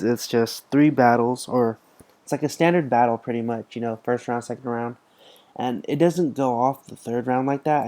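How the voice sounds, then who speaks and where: With a dark, mid-range voice, a young man running a gaming channel talks through a mobile game he's playing. He's tired and yawning, and his casual rambling keeps restarting amid filler words.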